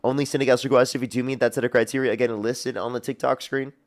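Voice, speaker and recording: A man hosting a livestream debate, screening callers in a fast, repetitive patter. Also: medium pitch, level tone. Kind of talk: casual livestream talk.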